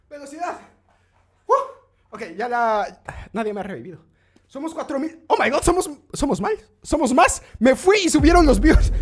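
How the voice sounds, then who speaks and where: A live gaming streamer commentating excitedly, often shrieking at the game and constantly talking to the chat. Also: high voice.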